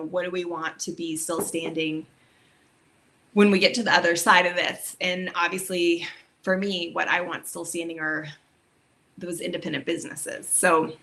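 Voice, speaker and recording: A woman's voice: fairly low pitch, sharp tone. A woman from Texas, an author, chatting casually and rambling a little about her book on a video stream, with lots of ums and likes. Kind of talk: casual online book talk.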